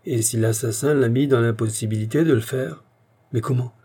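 A man's voice: mid-range voice, a little fast, mellow, close to an everyday voice. A man reading the part of a bitter, indignant young man accused by a police inspector, in a curt, logical manner.

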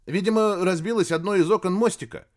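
A man's voice: sits high, brisk, a little mellow, voice pushed up, natural voice. A man voicing a nervous young male radio operator in an audiobook, talking in a shaky, frightened way. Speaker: audiobook character.

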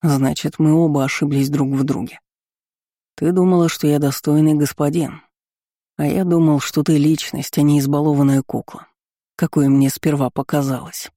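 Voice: mid-range voice, fairly even intonation, normal speed, dark tone, no room sound, clean studio sound, natural voice. A reader playing a sardonic, bitter young man who talks in a cool, cutting, mocking way, in an audiobook.

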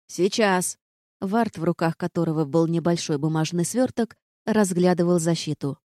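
A woman narrates a fantasy audiobook in the first person. She tells it calmly and evenly in a low, mellow voice. The recording is close and dry, with no room sound. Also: normal speed, no echo.

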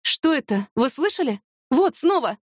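A woman voicing a sharp-tongued young heroine who is easily frightened, speaking higher than her narration. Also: brisk, no room sound, studio quality, natural voice. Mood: panicked. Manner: raised pitch, excitable.

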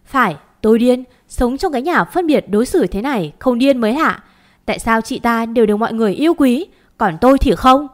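A woman's voice: fairly high pitch, lively intonation, fairly quick, lightly acted. A woman voicing a vengeful, jealous young wife who screams accusations in a storybook reading. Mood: hysterical.

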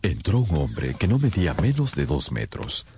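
An actor playing Doctor Watson, a courteous, loyal companion who also narrates a radio drama in a measured, earnest way. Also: male voice, low voice, wildly swooping pitch, gravelly, warm tone, a little hiss or hum, heavily acted. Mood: measured narrating.

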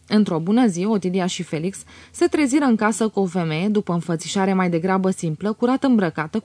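Brief: female audiobook narrator, measured literary reading, dry close mic. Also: mid-range voice, warm tone, no echo. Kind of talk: scripted narration.

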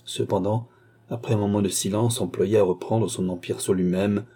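Husky mellow male audiobook narrator. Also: fairly low pitch, steady tone, normal speed.

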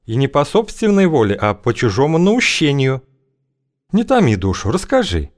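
Reading an audiobook, a man raises his voice above its natural register to play a bold, scheming older woman who works as a matchmaker. His pitch is medium but swoops wildly, and he keeps a moderate pace while she talks in a languid, teasing, coaxing way.

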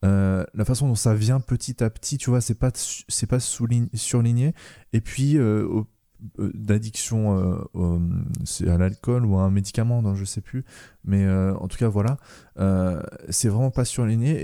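A man's voice: lowish voice, normal speed, dark tone. A man chatting casually as a film reviewer, hesitant and full of fillers. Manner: hesitant, many fillers and trailing quoi.

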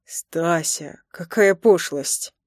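A woman's voice: on the low side, steady tone, unhurried, a little mellow, dry recording, clean studio sound. A woman voicing a teasing young lover. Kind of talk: audiobook character voice.

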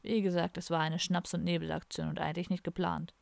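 A woman voicing an older male heavy-metal drinker who speaks low and hushed, matter-of-fact. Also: flat delivery, quick pace, gravelly, no room sound.

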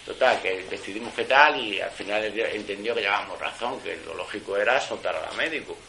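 A man tells a story in plain, streetwise speech, swearing freely and restarting sentences as he goes. His voice is bright and forceful. A faint noise sits behind him. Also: fairly low pitch, fast talker, low-quality recording. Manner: colloquial and blunt, with swearing and streetwise slang; animated retelling, with many restarts. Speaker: former prisoner giving a testimony. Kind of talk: casual spoken storytelling.

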